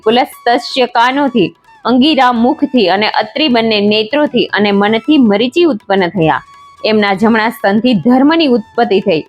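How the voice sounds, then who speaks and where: Woman, devotional scripture narration, measured steady delivery, fairly high voice, faint music underneath.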